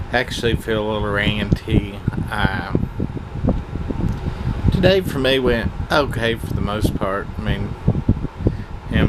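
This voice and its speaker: A loud fan whirs over a man's lowish voice as he rambles casually to his viewers. He talks in a frank, coarse, hesitant way and takes his time between phrases. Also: heavy background noise. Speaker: vlogger. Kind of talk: rambling casual vlog chat. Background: whirring fan.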